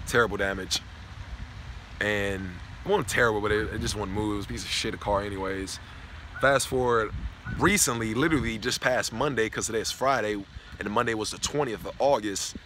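A young man from Knoxville, Tennessee, with a fairly low, slightly bright voice vlogs from a college campus, his loose, profane ramble captured by a phone camera held at arm's length. The outdoor phone audio includes clear background noise.

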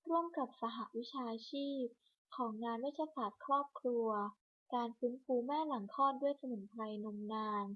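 A woman reading a scripted hospital clinic announcement over a public address system, in a measured, list-by-list delivery. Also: on the high side. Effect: broadcast over a hospital public address system. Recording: muffled lo-fi loudspeaker broadcast.

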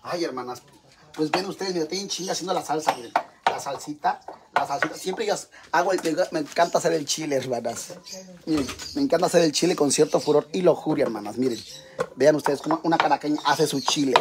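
A man's voice: on the high side, fast talker. Campy mexican guy live streaming from his kitchen, teasing and crude, noisy home mic. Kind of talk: live stream chat while cooking.

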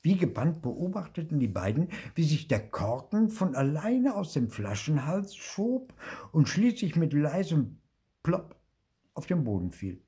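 An older man reads a children's story aloud at an unhurried pace. His voice is husky, his pitch rises and falls in wide, lively sweeps. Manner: slow, expressive, varied narration. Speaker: storyteller reading a children's book.

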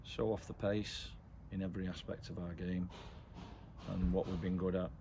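Deep, flat-voiced English football manager. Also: male voice. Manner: blunt, measured, frequent ums. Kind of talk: post-match interview. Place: outdoors by a floodlit football pitch at night. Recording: outdoor noise behind.

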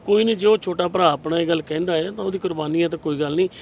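A man speaks quickly and with conviction, his voice sitting a little high as he presses each point home. He answers in an impassioned interview style, building rhetorical runs. A faint rumble of traffic hums behind him outdoors. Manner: forceful, rhetorical, retells scenes with quoted dialogue. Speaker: political candidate.

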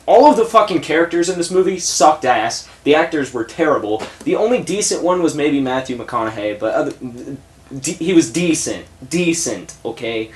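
A man's voice: fairly high pitch, animated, normal speed, roomy sound. A young man reviewing a movie in a blunt, profane, exasperated rant, seated at a desk in a small room full of shelves. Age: young adult.

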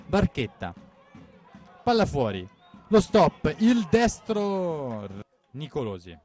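Man, football commentator, breathless excited play-by-play, urgent repetitions, fairly high voice. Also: slow pace. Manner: breathless, urgent, repeats players' names and phrases.

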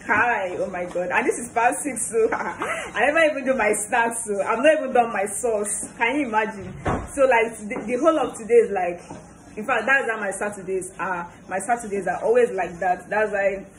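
A young Nigerian-accented woman, a cooking vlogger, chats casually to a phone held at arm's length in her small home kitchen. Her voice is medium-pitched and expressive at a moderate pace, over noisy room ambience.

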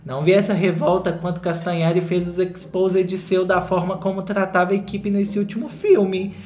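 A young man with a Brazilian Portuguese accent, delivering gossip commentary for his vlog in a theatrical, sassy way, jumping into high mocking voices. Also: level tone, normal speed, a little mellow. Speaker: commentary YouTuber. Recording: echoey room with faint music.

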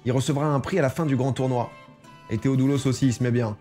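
A man's voice: mid-range voice, steady tone, fast, mellow, soft background music. A man casually commenting while he plays a strategy game, chatting and reading game text aloud. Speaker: gaming streamer. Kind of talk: casual let's-play commentary.

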